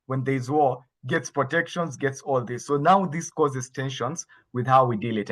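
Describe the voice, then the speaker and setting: A man's voice: mid-range voice, a bit bright. Man from Kenya giving a patient expert talk. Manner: patient, explanatory, repeats and restarts phrases. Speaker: guest expert. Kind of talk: explaining to a workshop audience.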